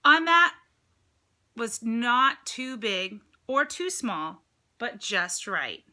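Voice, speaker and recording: In a room with a dresser and ceiling fan, a middle-aged American woman who teaches reads a picture book to children, recorded on a phone or tablet at arm's length. Her voice sits on the high side, sing-song and sharp, with drawn-out words. She reads expressively and chats with her young listeners, asking them questions.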